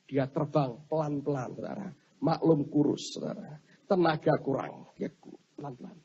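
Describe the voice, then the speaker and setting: A male pastor telling a story in a sermon, animated and addressing the congregation directly. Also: fairly high pitch, normal speed, husky. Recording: dull lo-fi sermon recording.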